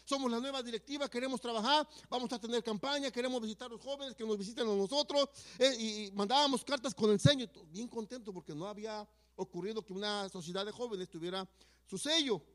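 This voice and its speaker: High-voiced man giving testimony. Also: quick pace. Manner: earnest, swings from hushed to emphatic. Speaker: church member giving testimony. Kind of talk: personal testimony storytelling.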